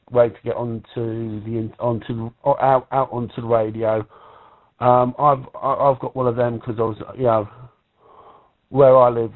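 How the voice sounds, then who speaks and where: A man from the UK chatting casually on a ham radio net, rambling with many restarts. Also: medium pitch. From United Kingdom. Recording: tinny radio audio.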